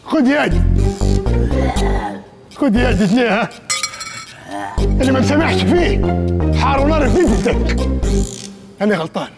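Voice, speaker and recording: An actor playing a bossy, sarcastic village head in a sitcom, scolding and insulting with an Upper Egyptian accent. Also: male voice, very high-pitched, wildly swooping pitch, normal speed, vocal fry, pauses often, over loud music, full character voice. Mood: mocking. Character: bossy loud male village head, mocking. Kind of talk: sitcom acting.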